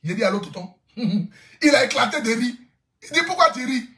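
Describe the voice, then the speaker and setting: Brief: man, influencer telling a tale, lively swooping pitch, echoey room, laughs a lot. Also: moderate pace. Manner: laughing often, repeats lines for effect. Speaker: social media influencer. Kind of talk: animated storytelling to camera.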